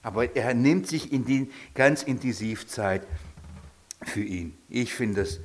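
A man preaching a sermon, asking his listeners questions and often dropping into a soft, low voice. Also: measured pace.

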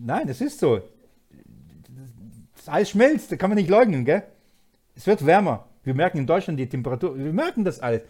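A man preaching a sermon, moving from quiet asides to loud, emphatic passages and laughing often. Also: a little high.

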